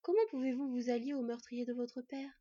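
A woman's voice: on the high side, steady tone, dark tone, no room sound, highs cut off, natural voice. A woman doing a sly, coaxing villain hunter. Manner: slow, coaxing, mocking. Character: sly cunning male hunter villain, smooth-talking.

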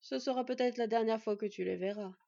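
A woman voicing a gentle, grave old one-eyed god who speaks softly and kindly, on a dull lo-fi recording. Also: on the high side, gravelly, no echo. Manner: soft, kindly, measured.

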